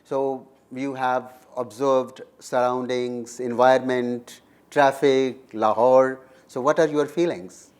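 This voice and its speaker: Give me a male talk show host. He asks questions politely, pausing on fillers as he goes. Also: medium pitch, steady tone, darkish tone, smooth. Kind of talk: interviewing.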